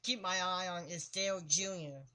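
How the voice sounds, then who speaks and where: A woman's voice: lowish voice, steady tone, moderate pace, sharp tone. A woman co-hosting a casual sports talk show, making brief, simple remarks.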